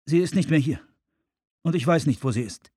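Guy doing a whiny frazzled young guy, pitched up, kinda loud. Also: expressive, a little fast, breathy edge, no room sound, studio quality. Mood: anxious. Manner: plaintive and rising. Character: flustered young man, cold and ignored.

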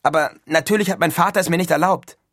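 A man reading an audiobook and voicing an impulsive, enthusiastic teenage boy, speaking loudly and emphatically in a husky voice. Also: on the high side, quick pace, no echo, clean studio sound, pitched above the performer's own voice, lightly acted. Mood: excited. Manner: loud and emphatic, swept up in enthusiasm. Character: eager excited teenage boy, impulsive dreamer.

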